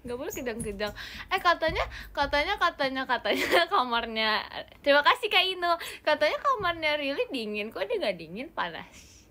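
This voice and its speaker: Her voice is high, very animated, and pushed and bright, moving at a normal speed. She's a young idol livestreamer chatting casually on her phone indoors, giggling as she reads fan comments and thanks everyone for them.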